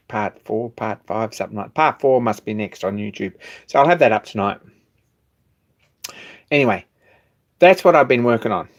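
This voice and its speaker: A man hosts a live stream from his hobby machine shop, chatting casually in a low-ish voice. He rambles, restarts his sentences, and chuckles now and then.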